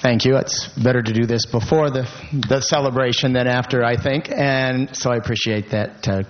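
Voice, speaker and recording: A man representing a teachers association gives measured, hesitant thank-you remarks at a public meeting. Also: medium pitch, fairly even intonation, slight background noise. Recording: dull lo-fi meeting recording.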